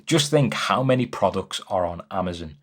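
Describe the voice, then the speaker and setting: Brief: young guy, slightly low voice, enthusiastic and chatty, home studio explainer. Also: expressive, normal speed, a bit bright. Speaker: music business educator. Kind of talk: casual to-camera explainer. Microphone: camera-mounted mic.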